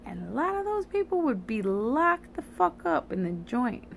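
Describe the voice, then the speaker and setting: A tired, sleepy woman gives a halting, meandering confessional monologue, slightly slurred because she has a retainer in her mouth. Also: sits high, big pitch swings, creaky, a little hiss or hum. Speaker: vlogger.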